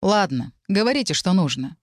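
A woman's voice: medium pitch, big pitch swings, moderate pace, dry recording, studio quality. A woman voicing a tense, guarded young male necromancer who speaks tersely. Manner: muted, terse.

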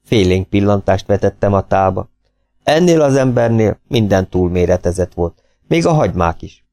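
Male audiobook narrator, low gravelly dark voice, measured and wry. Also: lively intonation.

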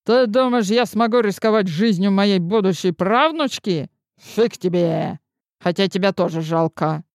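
A woman voicing a sharp-tongued, bossy old grandmother in an audiobook, speaking slowly and mockingly. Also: mid-range voice, dry recording, clean studio sound, lightly acted. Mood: scolding. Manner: gruff, mocking, slow and deliberate. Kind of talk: audiobook character voice.

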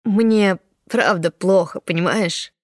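A woman's voice: medium pitch, slow, a little mellow, no echo. A woman voicing a distraught young man who pleads and sobs, in a dry close recording. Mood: pleading. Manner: pleading, tearful, insistent.

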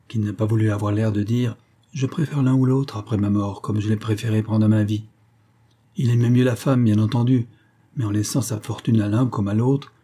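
A man reading a classic novel aloud in a measured, even way, lightly voicing the characters' dialogue. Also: fairly low pitch, slightly rough. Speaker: audiobook narrator.

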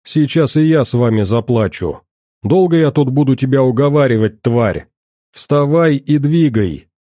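A man's voice: mid-range voice, lively intonation, moderate pace, warm tone, no room sound, clean studio sound, voice pushed up, lightly acted. A man voicing a crude, callous male security guard who mocks in coarse slang. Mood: irritated. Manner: mocking, coarse.

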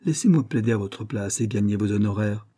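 A man doing a calm saintly priest-judge. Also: on the low side, a little fast, husky. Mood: calm assurance. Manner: composed, assured courtroom pleading.

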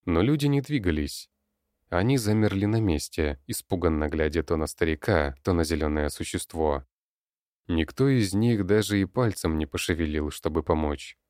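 A man with a very low voice narrates an audiobook in a steady, dramatic way. The recording is dry, with no room sound. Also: moderate pace, no echo.

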